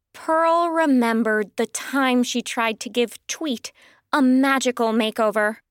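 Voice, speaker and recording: A woman narrating a children's audiobook in a slow, sing-song storytelling manner, recorded close to a studio mic. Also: on the high side, no echo.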